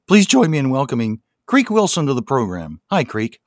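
Lively male podcast host, dry recording. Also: medium pitch, moderate pace, no room sound. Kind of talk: scripted podcast intro and interviewing.

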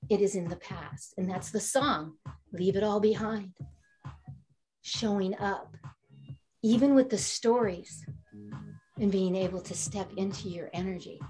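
A woman on a panel delivers an upbeat motivational talk with a steady, mid-range voice. Her tone is inspirational and encouraging, with faint music behind her. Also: mid-range voice. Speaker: panel speaker, author.

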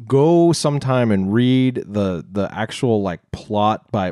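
A man's voice: fairly low pitch, lively intonation, slow pace, warm tone, dry recording, studio quality. A man hosting a casual retro gaming podcast, chatty and given to acting out little asides. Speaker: podcast host.

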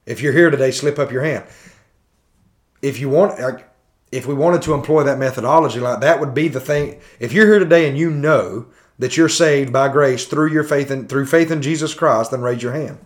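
A man's voice: mid-range voice, moderate pace. A man hosting a podcast, critiquing a sermon in a conversational way that thinks aloud with restarts. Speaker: podcast host.

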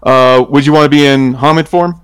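A man's voice: medium pitch, fairly even intonation, a little fast, fairly bright tone, clear, resonant tone, no room sound. A man chatting casually out of character as a player in a tabletop game.

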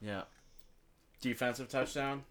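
A man's voice: medium pitch, steady tone, slow pace, background noise. A man co-hosting a casual sports chat, guessing quiz answers in an easygoing, offhand way. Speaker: podcast co-host.

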